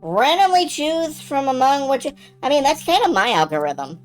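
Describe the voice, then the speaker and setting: Woman let's play host, casual and sweary, animated pitch swings, music behind. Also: normal speed, poor audio. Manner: sweary, self-narrating. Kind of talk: casual game commentary. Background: game music.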